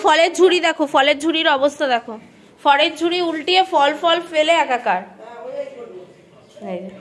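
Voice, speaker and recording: High-voiced chatty woman from West Bengal. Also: fairly bright tone. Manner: chatty, talks straight to viewers, coaxes her child. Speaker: family vlogger. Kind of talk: casual home vlog narration. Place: home, indoors.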